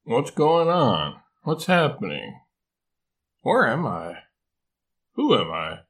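A man's voice: medium pitch, sing-song, slow, a bit bright, voice pushed up. An older man voicing a drowsy, confused male koala who pleads in rising questions in a storybook. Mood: groggy confused.

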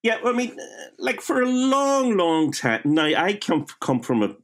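Telling wry stories from his childhood that poke fun at himself, a man in his fifties with a Belfast accent, a writer from Northern Ireland, frequently restarts sentences during a casual interview. He has a high-pitched voice with big pitch swings, at normal speed.

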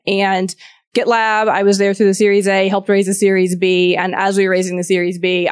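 A woman's voice: on the low side, no room sound. Chatty woman with a Southern US accent. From Georgia, US South. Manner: chatty, informal, asks audience questions. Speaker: venture capital partner, conference speaker. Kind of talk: informal conference talk.

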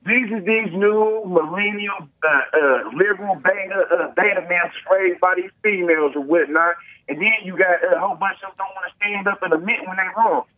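Male caller, high voice, rambling, clipped breaking-up speakerphone line, tinny and dry. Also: brisk, dry recording. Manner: rambling, repeats fillers. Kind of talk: casual call-in rant. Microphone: phone on speakerphone.

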